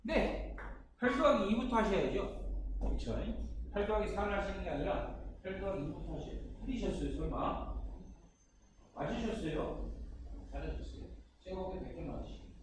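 A man tutoring exam-prep math, chatty and lively, forever checking that the learner follows along. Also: high voice, normal speed. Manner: keeps checking understanding with short questions. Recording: echoey room with distant mic and noise.

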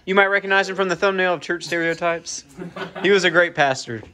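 A man's voice: high-pitched, brisk, pushed and bright. A young man hosting a casual vlog, upbeat and joking as he narrates. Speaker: vlogger. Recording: noisy background.

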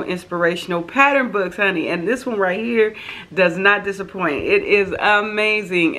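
A woman's voice: mid-range voice, fairly bright tone. A middle-aged American woman chatting to camera as a host, in an effusive, folksy way full of endearments. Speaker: host of a crafting devotional channel. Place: living room sofa, indoors.

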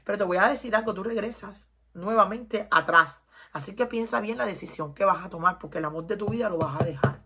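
A woman's voice: medium pitch, fairly quick, pushed and bright. A Cuban woman with a Cuban Spanish accent giving an emphatic, preachy tarot reading to her viewers, often repeating herself. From Cuba. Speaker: tarot reader.

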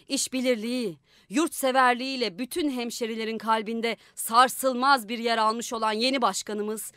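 A woman narrates a literary short story in a radio studio, her voice sitting a little higher than most. The recording is close and dry. She brings the characters to life with shifts in pitch and loudness. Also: dry recording. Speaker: audiobook narrator.

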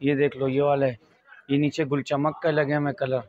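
A man in his thirties with a Pakistani accent works as a salesman in a small indoor fabric shop, repeating an informal pitch and quoting prices. He speaks at normal speed with a flat delivery and no room sound, captured on a lapel mic in dull, muffled lo-fi audio.

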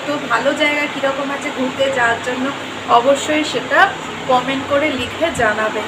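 A woman with a Bengali accent talks casually to her viewers in a home lifestyle vlog. Her voice sits high and she chats as if to friends. Loud household noise runs underneath the whole time. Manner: chatty, addresses viewers directly as friends. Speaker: lifestyle vlogger. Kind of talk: casual chatty vlog narration. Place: home, partly on a balcony. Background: fan and water pump machine noise.

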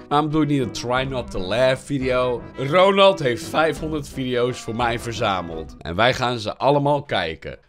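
A sick man with a low voice and a cough, chatting casually as a YouTuber reacting to funny videos. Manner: lively reactions, pushes voice high when emotional.

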